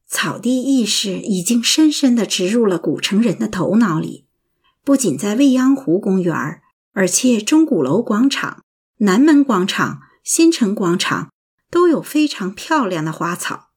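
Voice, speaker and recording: Slow, husky woman reading prose. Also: medium pitch. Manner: slow, lilting, expressive reading. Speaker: narrator reading an essay. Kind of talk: scripted prose narration.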